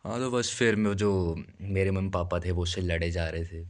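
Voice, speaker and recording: A man's voice: low-pitched, fairly even intonation, normal speed. A young man from India telling a story in a chatty way, mixing English words into his speech. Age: young adult. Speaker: vlogger. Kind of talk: casual storytelling.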